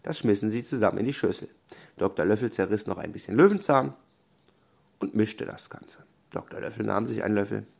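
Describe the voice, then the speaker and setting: Gravelly man reading bedtime stories. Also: fairly low pitch, animated, a little fast. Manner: gentle, with small restarts. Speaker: storyteller. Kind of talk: children's bedtime story reading.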